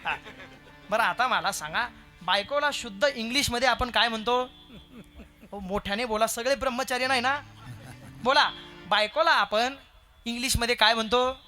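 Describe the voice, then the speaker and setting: A man's voice: very high voice, normal speed, pauses often, sharp tone, faint music behind. A man preaching a devotional kirtan sermon at a live gathering, telling the story and quizzing the audience playfully.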